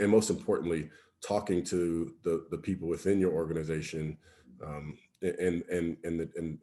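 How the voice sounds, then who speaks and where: Male interview guest, deep register, measured and earnest conversational delivery, business executive. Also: a little mellow.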